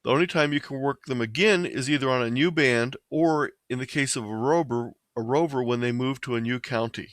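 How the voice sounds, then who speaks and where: In a brisk slideshow tutorial on amateur radio, an Ohio man speaks with hardly any pauses, laying things out plainly and step by step. His pitch is average for a man and his tone fairly bright. The dry recording has almost no room sound.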